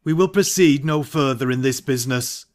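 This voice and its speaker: A man playing a hesitant, ambitious nobleman in a Shakespearean audio drama, speaking verse in a measured way. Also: medium pitch, natural voice. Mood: uneasy. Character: Macbeth, a hesitant, ambitious married nobleman plotting murder.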